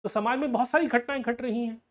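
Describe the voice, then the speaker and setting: In an online exam-coaching lecture, a sociology teacher explains concepts through everyday examples, repeatedly asks rhetorical questions, and warns students directly. The voice is medium-pitched and quick.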